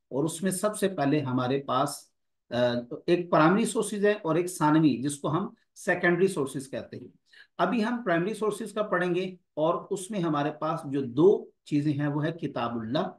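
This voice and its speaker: Guy lecturing his students, explains step by step, kinda high voice, roomy echo. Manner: explanatory, addresses students directly. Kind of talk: academic lecture.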